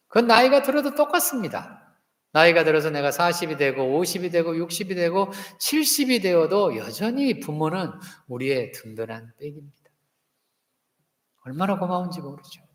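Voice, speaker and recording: A man's voice: a little high, a bit bright. Man preaching in an echoey church. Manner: asks the congregation questions and has them repeat lines. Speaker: pastor. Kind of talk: sermon. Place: church sanctuary. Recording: echoey hall with long reverb.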